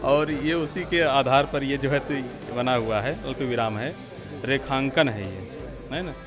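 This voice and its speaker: A man's voice: mid-range voice, measured pace, music in the background. Man questioning teachers at an outdoor fair. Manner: explanatory, asks probing questions. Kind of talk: on-site interview at a teaching fair.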